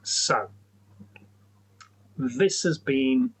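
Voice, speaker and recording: A man's voice: medium pitch, very slow, slightly rough, low-quality recording. A man talking through a screen-recorded tutorial in a chatty, rambling way, restarting sentences and saying "okay, so" often. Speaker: tech educator.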